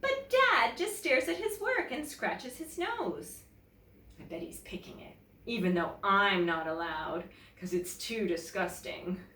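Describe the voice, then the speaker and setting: Like a teacher with young listeners, a woman reads a children's picture book aloud in an animated way. She goes slowly and deliberately, her pitch swinging lively, and the roomy, slightly distant recording carries faint noise.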